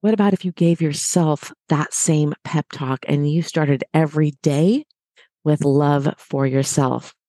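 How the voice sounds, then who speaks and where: Middle-aged woman from the US, fitness guest; low mellow voice, dry close sound, upbeat coaching tone. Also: fairly even intonation, a little slow, dry recording. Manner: encouraging, direct to listeners. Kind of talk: motivational podcast talk.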